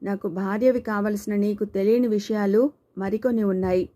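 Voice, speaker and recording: A woman narrator gives voice to a menacing middle-aged man in a storybook. He is cold and possessive and speaks with quiet calm. His tone stays mellow and unhurried, even as he threatens. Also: medium pitch, natural voice. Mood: coldly threatening.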